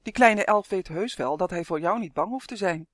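A reader voicing a gentle, kind elf who speaks softly and reassuringly. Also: mid-range voice, lively intonation, normal speed, no echo, clean studio sound, natural voice.

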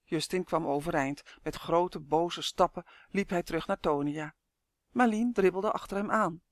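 A woman's voice: fairly low pitch, moderate pace, no room sound, clean studio sound. Woman reading a children's story aloud. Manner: expressive, lively storytelling. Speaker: narrator.

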